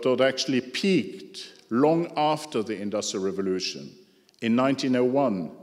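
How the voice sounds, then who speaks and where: Speaking English as a non-native language, a man gives a prepared lecture at a middling pitch with a darkish tone. His delivery is measured, sprinkled with dry, ironic asides, and a large hall's long reverb rings around his voice.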